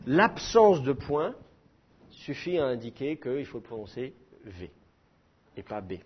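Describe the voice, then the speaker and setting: Lively male teacher, husky voice. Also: medium pitch, unhurried, dull audio. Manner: lively, explains with sounds and self-mocking humor. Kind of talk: classroom lecture.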